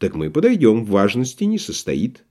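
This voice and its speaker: A man's voice: fairly low pitch, wildly swooping pitch, normal speed, darkish tone. A man voicing a wily, stubborn merchant who talks in a folksy, obsequious way, in an audiobook play reading. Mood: wheedling stubborn. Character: wily, stubborn middle-aged male merchant.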